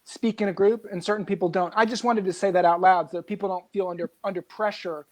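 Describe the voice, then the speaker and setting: A man's voice: sits high, fairly even intonation, quick pace. A man appearing as a guest in a casual group discussion over a video call, speaking earnestly and reflectively and stressing his points.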